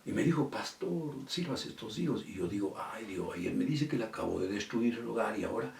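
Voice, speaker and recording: A middle-aged man preaches a sermon as pastor, telling a story and acting out what the people in it said. His voice is mellow and dark. He is heard from a distance in an echoey church. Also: on the low side, animated, fast, creaky. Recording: echoey room from far off.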